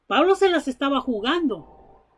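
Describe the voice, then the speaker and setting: A woman's voice: high-pitched, big pitch swings, normal speed. A woman preacher delivering a sermon, telling Bible stories and her own testimony in an earnest, emphatic way.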